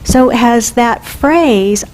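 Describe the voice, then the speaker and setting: Conversational woman minister, higher voice. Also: slow pace, a little mellow, poor audio. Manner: conversational, asks the congregation questions. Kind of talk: sermon. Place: church sanctuary.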